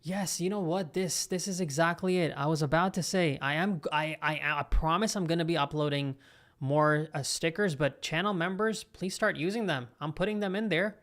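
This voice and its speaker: A young man hosting a live football watch-along, calling the play with excitable reactions and chatting to his viewers. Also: a little high, moderate pace. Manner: excitable, talks to live chat between play calls. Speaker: live football stream host. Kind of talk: live match reaction commentary.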